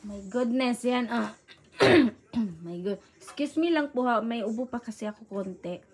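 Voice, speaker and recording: A young woman, a mother vlogging at home, talks casually to her phone camera and coos baby talk at her infant, with music playing in the background. Her voice is a little high and animated, her pace a little slow.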